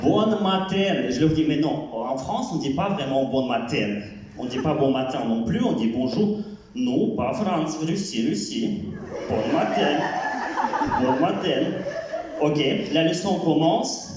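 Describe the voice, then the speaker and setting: A man doing a stand-up set as a French teacher, talking haltingly with many fillers and repeated words. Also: medium pitch, expressive, background noise. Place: comedy club stage. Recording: echoey hall from far off, dull sound.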